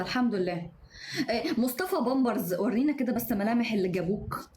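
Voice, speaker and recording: A woman in her twenties with an Egyptian accent, live streaming and reading out viewer comments with quick, sharp-tongued retorts, talking into her phone at home. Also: fairly high pitch, slight background noise. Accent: Egyptian Arabic. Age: 20s. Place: indoors at home.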